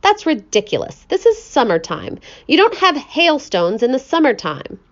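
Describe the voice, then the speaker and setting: A woman voicing a brash, boastful male centipede who yells and mocks. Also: high voice, huge pitch swings, moderate pace, muffled recording, pitched above the performer's own voice, full character voice. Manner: loud, mocking, yelling.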